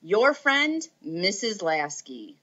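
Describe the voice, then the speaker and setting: A woman teacher reading an example friendly letter aloud in a playful, expressive way. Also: mid-range voice, slow pace. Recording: dull lo-fi recording.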